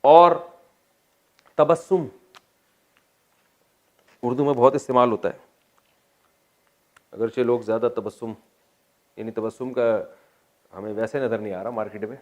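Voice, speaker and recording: A man teaching a Quran class in Urdu with a Pakistani accent, slowly drilling grammar forms and adding quick, joking asides to his students. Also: medium pitch, darkish tone. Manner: jokes with students. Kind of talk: classroom lecture on Arabic grammar.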